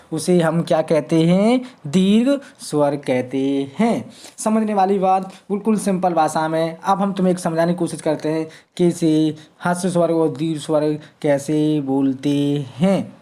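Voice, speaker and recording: A woman teaching a Hindi grammar lesson for exam prep, asking questions and answering them herself, stretching vowel sounds slowly to demonstrate. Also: lowish voice, dark tone. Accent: north Indian Hindi.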